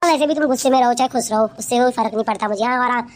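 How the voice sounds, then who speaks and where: A young woman playing a bossy, sharp-tongued daughter-in-law in a comic family skit. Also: a little high, very fast, lightly acted.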